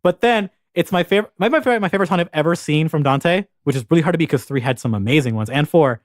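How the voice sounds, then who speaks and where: A young man co-hosting a podcast, chatting excitedly about a video game, swearing freely. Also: a little high, dry recording, studio quality. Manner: excitable, swearing, fast and animated. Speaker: podcast co-host. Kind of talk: casual gaming chat.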